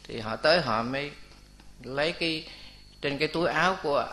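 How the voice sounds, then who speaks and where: A man giving a Buddhist sermon, telling stories and voicing the people in them, his pitch rising on key points. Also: brisk, pushed and bright. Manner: storytelling, acts out voices of people in the stories. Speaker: Buddhist monk. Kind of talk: Buddhist dharma talk with stories.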